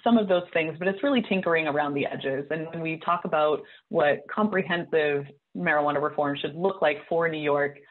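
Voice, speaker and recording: A woman's voice: low voice, brisk, few pauses. Earnest woman advocate, panel speaker, heard over a thin phone-like call line. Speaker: cannabis policy advocate. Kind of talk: panel discussion on a video call. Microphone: video call. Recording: tinny phone-like audio.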